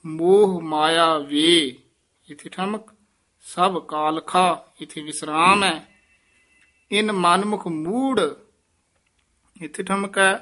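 A man teaching scripture recitation. He chants each verse slowly and deliberately, then explains in plain speech where to pause. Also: high voice, sharp tone. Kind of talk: recitation lesson.

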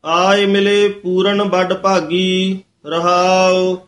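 A man reciting scripture for a teacher, reading in a slow, measured, chant-like way. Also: high voice, flat delivery, a bit bright, roomy sound. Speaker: student reciter.

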